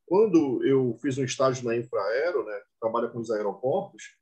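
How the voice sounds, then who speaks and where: A man's voice: medium pitch, animated, normal speed, dark tone. A man with a Brazilian Portuguese accent teaching an online class, often repeating himself and checking that students follow. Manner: repetitive, asks students for confirmation often.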